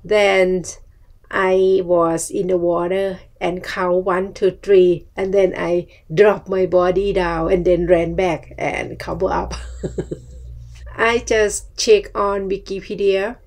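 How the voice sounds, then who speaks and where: Slow-talking Thai-accented woman, creaky voice. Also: fairly low pitch, flat delivery, darkish tone. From Thailand. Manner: halting, simple phrasing in short bursts. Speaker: vlogger. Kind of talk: personal storytelling to camera. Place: small furnished room at home, indoors.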